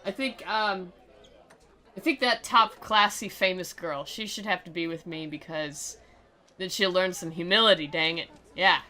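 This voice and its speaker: A woman with a lowish, bright, forceful voice speaks a little slowly. She plays a video game and reads from it aloud, giving sarcastic, theatrical commentary full of mockery and giggles.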